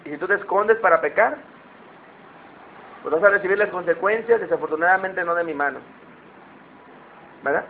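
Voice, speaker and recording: A man's voice: high voice, moderate pace, long pauses, slight background noise. A man preaching a conversational sermon, often asking his listeners questions. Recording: tinny phone-like sound.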